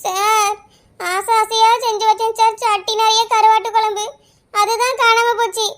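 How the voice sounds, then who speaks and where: A woman voicing a high, bright tearful village wife. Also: little pitch movement, normal speed. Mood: tearful pleading. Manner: wailing, pleading. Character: distraught young village wife, tearful and pleading. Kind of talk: cartoon voice acting.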